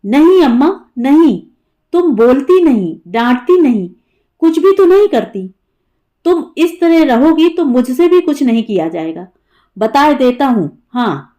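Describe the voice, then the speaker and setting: A woman's voice: a little high, sing-song, a little slow, darkish tone. A woman voicing an earnest young son. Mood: pleading. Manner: eager, then pleading. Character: young man, eldest son, earnest and playful.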